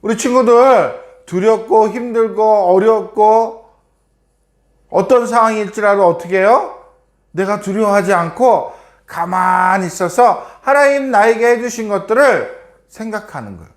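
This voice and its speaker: A male pastor giving a children's sermon, telling a Bible story in an animated way and often putting questions to the children. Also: high voice, measured pace.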